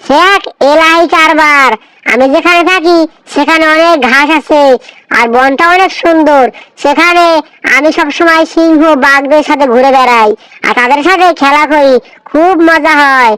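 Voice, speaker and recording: A woman's voice: sits high, moderate pace, a bit bright, no room sound, poor audio. A woman voicing a sly, boastful male fox trickster in a cartoon, scheming and laughing slyly.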